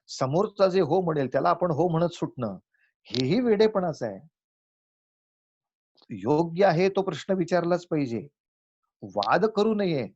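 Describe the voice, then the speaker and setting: A man giving a spiritual lecture, telling folk tales and slowly chanting verses between his explanations. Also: a little high, a little mellow, breathy edge, muffled recording. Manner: acts out village characters in a folk tale, chants verses slowly.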